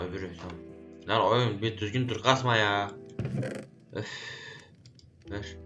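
Man, gameplay commentary, talks to himself, fairly low voice, game music behind. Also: highs cut off. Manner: talks to himself while playing, scolds animals and game. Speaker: gaming YouTuber.

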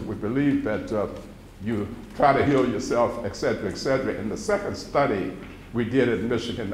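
A man in his seventies with a Mississippi accent, giving an informal, folksy public lecture with personal recollections. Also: medium pitch. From central Mississippi, US. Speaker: guest lecturer, retired pharmacology professor. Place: indoor lecture room with seated audience. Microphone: podium microphone. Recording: roomy echo, background noise, live hall.

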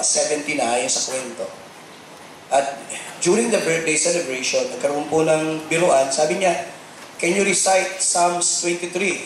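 A middle-aged Filipino man preaching a sermon as pastor, animated and mixing in English, at times rising to shouts. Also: fairly high pitch. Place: large church hall. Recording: very echoey hall with faint noise.

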